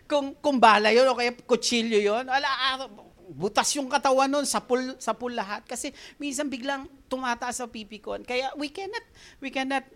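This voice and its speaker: Her high-pitched voice moves at a moderate pace through a sermon delivered with a Filipino accent. She code-switches between Tagalog and English, telling vivid stories and regularly laughing at herself.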